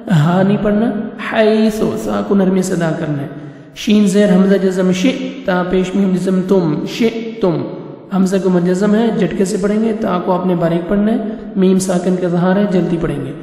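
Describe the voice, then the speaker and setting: A man from Pakistan teaching Quran reading word by word, spelling letters slowly and chanting the verses in drawn-out melodic recitation. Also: high-pitched, fairly even intonation, mellow. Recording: very echoey with long reverb, faint music.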